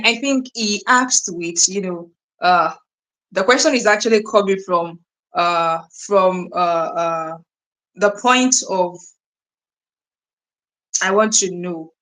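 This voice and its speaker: The audio is poor as a young Nigerian livestream host, speaking with a Nigerian accent, reads viewer comments and chats casually, full of fillers, restarts and repeats. Her fairly low voice comes across pushed and bright.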